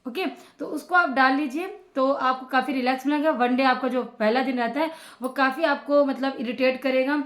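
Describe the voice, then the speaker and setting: High-voiced woman giving study tips. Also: fairly even intonation, moderate pace, few pauses, fairly bright tone, echoey room. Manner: conversational, repeats phrases with frequent fillers and "ok". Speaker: teacher giving study advice. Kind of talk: informal advice talk to students.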